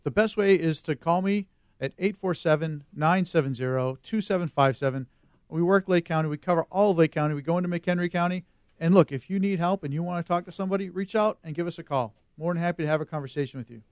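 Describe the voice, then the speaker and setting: A man working as a real estate agent, giving an earnest, brisk pitch on a talk show. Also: no echo, clean studio sound.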